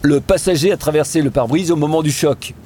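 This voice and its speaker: A man's voice: on the high side, fast, slight background noise, voice pushed up, natural voice. Man playing a businesslike police officer. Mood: matter-of-fact. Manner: flat factual report. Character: male gendarme, dry and businesslike.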